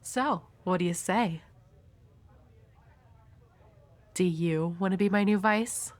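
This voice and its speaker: A woman's voice: lowish voice, normal speed, natural voice. Himeno, a woman playing a flirty, world-weary devil hunter. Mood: seductive. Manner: teasing, coy, breathy at times. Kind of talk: intimate audio roleplay addressed to the listener.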